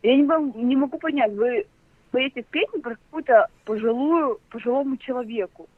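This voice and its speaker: A woman's voice: sits high, moderate pace, no echo. A woman answering a prank call, irritated and insistent, talking over the caller. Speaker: call recipient. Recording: tinny phone line.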